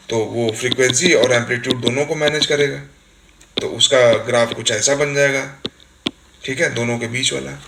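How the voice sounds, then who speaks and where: A male teacher lectures in a fairly high, bright, forceful voice, explaining ideas with homely examples and asking again and again whether his students follow. The room is echoey and has a faint hiss. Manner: explains with everyday examples, keeps checking with "ठीक है". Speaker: exam coaching teacher. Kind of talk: recorded lecture.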